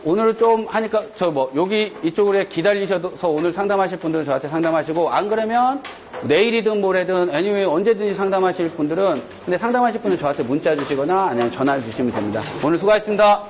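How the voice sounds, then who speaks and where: A man's voice: sits high, animated, quick pace, slight background noise. A man giving a chatty classroom law lecture, digressing and checking in with his students. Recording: dull lo-fi lecture recording.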